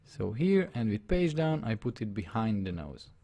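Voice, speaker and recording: A native Hungarian man with a Hungarian accent narrates a live drawing tutorial in a fairly low, mellow and very animated voice at a normal speed. As he goes step by step through his on-screen work, he keeps checking that viewers can follow.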